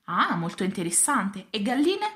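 A woman's voice: mid-range voice, big pitch swings, moderate pace, fairly bright tone. Woman playing a wistful storybook fox. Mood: curious. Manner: earnest, pleading, reflective. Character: wistful, lonely, wise female fox.

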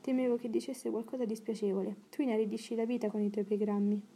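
A woman reading as an earnest, impulsive young gentleman. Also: fairly high pitch, fairly even intonation, fast talker, husky. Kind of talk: audiobook reading.

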